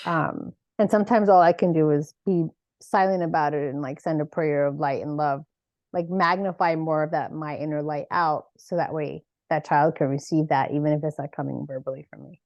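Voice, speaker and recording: A woman's voice: low voice, fairly even intonation, normal speed, a little mellow, no room sound, muffled recording. A woman, an actor and author, talking earnestly as a podcast guest about her spiritual path, often tagging her thoughts with "like" and "right?". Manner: earnest, rambling, peppered with "like" and "right?". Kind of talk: reflective spiritual conversation.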